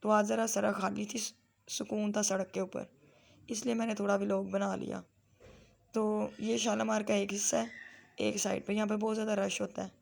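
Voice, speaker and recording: A woman with a Lahori Punjabi accent gives a chatty, homely voice-over for her family vlog. Her pitch stays almost perfectly level, and her voice has a gravelly, creaky edge. She drifts into Punjabi phrases as she goes. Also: flat delivery, normal speed, darkish tone. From Lahore, Pakistan. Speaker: family vlogger and mother. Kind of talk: casual vlog voice-over narration.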